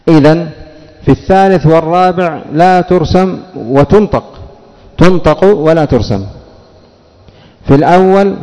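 Man teaching grammar, asks and answers himself, drags out examples, mellow voice, lots of reverb. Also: medium pitch. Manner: slows and stresses example words. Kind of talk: classroom lesson. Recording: long reverb.

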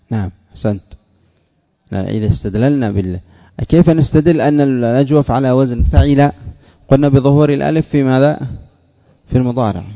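A man's voice: mid-range voice, vocal fry, muffled recording. A man teaching Arabic morphology in class, reading a text aloud, then explaining it and quizzing students with questions he often answers himself. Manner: halting restarts when searching for words.

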